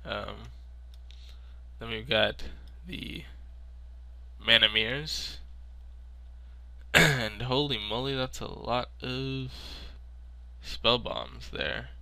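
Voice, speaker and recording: A man's voice: medium pitch, lively intonation, very slow, vocal fry, long pauses, pushed and bright, no room sound. A man with a sick, stuffy, nasal voice, thinking aloud in casual card-game commentary. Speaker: video maker.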